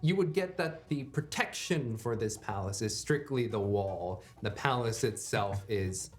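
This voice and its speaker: A game master improvising narration for a tabletop role-playing game, haltingly and thinking aloud. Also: mid-range voice, lively intonation, soft background music.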